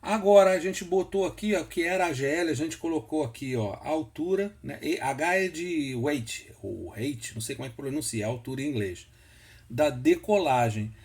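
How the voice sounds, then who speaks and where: A man's voice: on the high side, animated, normal speed, darkish tone. A man giving a casual screen-share tutorial, patient and repetitive, often checking in with the listener. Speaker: instructor explaining flight instruments.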